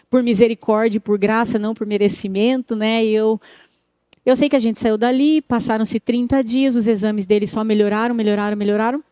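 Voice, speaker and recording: Woman guest, physician, telling a testimony in a TV interview; lively storyteller, fairly high mellow voice. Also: clear, resonant tone, no room sound, clean studio sound. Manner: lively storyteller who acts out dialogue. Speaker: guest sharing a faith testimony. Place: TV studio.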